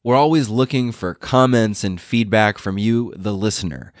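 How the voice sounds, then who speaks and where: Low-voiced man, stuffed up with a cold. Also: moderate pace, no echo, studio quality. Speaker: podcast host. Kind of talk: scripted podcast segment.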